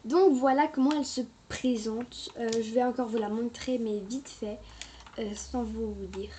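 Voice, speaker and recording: A woman chatting casually through a makeup review, hesitant and quick to apologize, recorded on a camera mic at home. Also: on the high side, steady tone, noisy background. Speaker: beauty vlogger.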